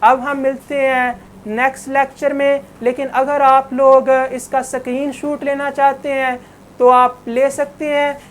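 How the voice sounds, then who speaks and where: A woman's voice: high voice, level tone, a little slow, slight background noise. A woman giving an online English lesson, patiently explaining words and correcting pronunciation. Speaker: English teacher. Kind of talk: online classroom lecture.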